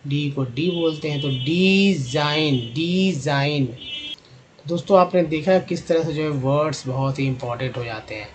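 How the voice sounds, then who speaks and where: A man teaching English spelling patterns in a slow, repetitive lesson, drawing out each word to demonstrate its sound. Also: a little high, a little mellow, slight background noise, poor audio. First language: Hindi.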